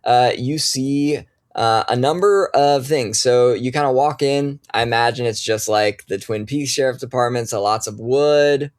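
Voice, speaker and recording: A man running a tabletop game as game master, narrating in a relaxed way with frequent ums and uhs. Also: medium pitch, unhurried, few pauses.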